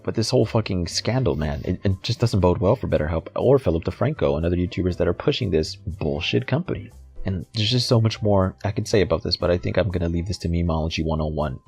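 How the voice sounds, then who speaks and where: Gravelly low-voiced man ranting. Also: darkish tone. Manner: profane, heated and sarcastic. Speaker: YouTube commentator. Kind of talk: ranting commentary vlog.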